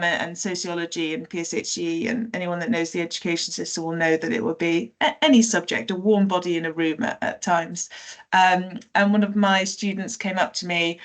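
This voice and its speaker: Woman guest, mid-pitched, chatty and meandering, lots of ums and restarts. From South Wales. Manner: chatty, many fillers and self-corrections, light laughs. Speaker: teacher and podcast guest. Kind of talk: casual conversational storytelling.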